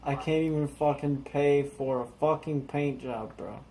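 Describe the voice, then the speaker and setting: A man's voice: on the high side, steady tone, unhurried, darkish tone. A young man complaining and swearing as he talks over his gameplay. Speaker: gaming vlogger. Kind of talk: casual gameplay commentary. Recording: game music playing under the voice.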